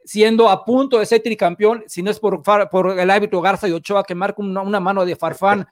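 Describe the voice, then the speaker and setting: A man hosts a casual interview, asking long, rambling questions and dropping frequent short backchannels. His voice is high, with fairly even intonation and a slightly fast pace.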